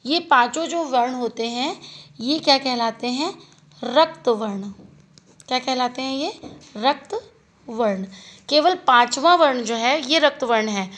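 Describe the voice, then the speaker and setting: A woman teaching a grammar lesson, asking questions and answering them herself as she repeats each term slowly. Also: sits high, fairly bright tone, low-quality recording.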